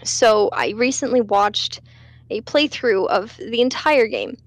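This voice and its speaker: Chatting slowly in a voice on the high side, a woman rambles through casual commentary on a let's play, full of fillers and self-corrections as she restarts her sentences. The recording is dry.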